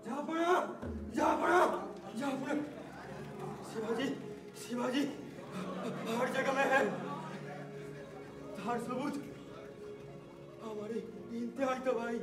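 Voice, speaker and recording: A man acting a dazed officer who survived a rout, in a historical stage play, speaking in halting broken phrases. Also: extremely high pitch, fairly even intonation, a crowd in the background. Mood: dazed, frantic. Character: shaken, dazed survivor officer of a routed army. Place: theatre stage. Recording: distant echoey stage, loud music.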